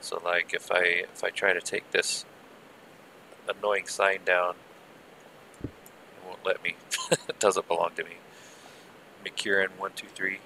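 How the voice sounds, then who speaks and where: A man giving casual, rambling live gameplay commentary with muttered asides, heard through low-quality stream audio from an old headset. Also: flat delivery, measured pace, gravelly, long pauses, sharp tone, slight background noise. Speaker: game server streamer.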